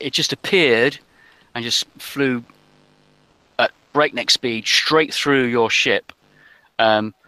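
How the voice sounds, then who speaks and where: A man running a tabletop role-playing game as game master, talking haltingly with many ums and restarts. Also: mid-range voice, pushed and bright, no echo, rough recording.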